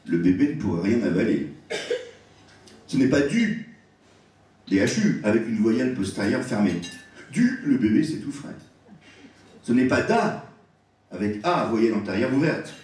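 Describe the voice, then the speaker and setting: Expressive man lecturing in an echoey hall. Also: mid-range voice, far from the mic. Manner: expressive, savouring each word. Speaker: guest lecturer. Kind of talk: public lecture on word origins. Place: large hall at an evening event.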